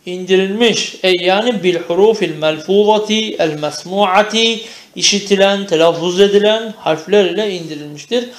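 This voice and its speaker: A Turkish-accented man leads a class with a fairly high voice. He reads Arabic phrase by phrase, translates each one and quizzes the room as he goes. His voice rings with the echo of the room. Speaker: Arabic and theology teacher. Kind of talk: classroom lesson, reading Arabic text and explaining in Turkish. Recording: echoey room.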